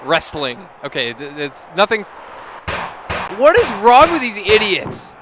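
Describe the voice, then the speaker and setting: A drunk man commentating on a wrestling video game, swearing, shouting and laughing at what happens on screen. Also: sits high, wildly swooping pitch, unhurried, background noise. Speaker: gameplay commentator. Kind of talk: drunk let's-play commentary. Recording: game music behind the voice. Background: video game music.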